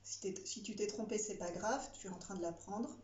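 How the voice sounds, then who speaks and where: A woman teacher dictating to a child word by word, spelling out words, pausing and explaining as she goes. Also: mid-range voice, a little mellow. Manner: instructive, addressing one pupil directly. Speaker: primary school teacher. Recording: echoey room, slightly muffled sound.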